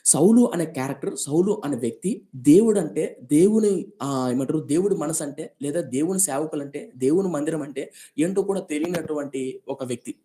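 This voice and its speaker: A man's voice: mid-range voice, warm tone, rough recording. A man preaching a storytelling sermon, emphatic and repetitive. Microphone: online live stream.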